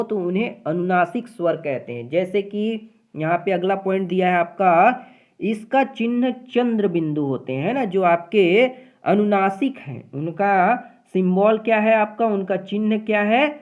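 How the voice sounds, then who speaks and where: A teacher explaining grammar step by step in an exam-prep lesson, often checking in with short tag questions. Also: medium pitch. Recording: phone-like narrow audio.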